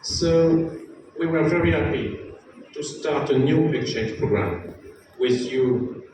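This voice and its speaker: A man giving a formal welcome speech as a visiting principal, slow and halting. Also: medium pitch. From France. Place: school assembly hall. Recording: echoey hall, distant mic, noisy.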